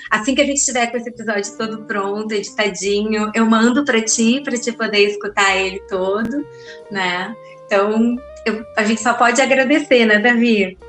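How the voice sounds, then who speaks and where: A woman's voice: fairly high pitch, moderate pace. A woman hosting a podcast interview in a casual way, asking long rambling questions full of fillers. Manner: rambling, warm-thanking, fillers like "né" and "assim". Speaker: podcast host. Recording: roomy echo with light music.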